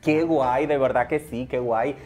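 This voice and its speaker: A man hosting an interview, eager and quick in bursts, full of fillers and repeated words, on a lapel mic in a small studio. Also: medium pitch, fairly even intonation, darkish tone, faint music behind. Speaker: interviewer host. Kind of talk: casual interview. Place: small TV studio set, indoors.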